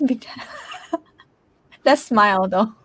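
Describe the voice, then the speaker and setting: A woman's voice: on the high side, lively intonation, takes it slowly, fairly bright tone, breathy edge, dry recording. A woman hosting a casual live language chat, reacting expressively and encouragingly to her guest and commenters. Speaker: host of a language-teaching channel.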